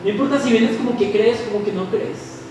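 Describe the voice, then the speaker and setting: A young man with a Colombian Spanish accent preaching a sermon, animated, acting out the voices of people in his stories. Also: high-pitched, fairly quick, over music. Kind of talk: sermon with storytelling. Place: church hall. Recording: echoey hall from far off.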